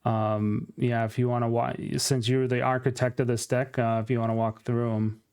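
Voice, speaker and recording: A man's voice: medium pitch, flat delivery, normal speed, darkish tone, smooth. A man hosting a casual card game talk show, steering the conversation in a friendly way with frequent ums. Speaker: channel host.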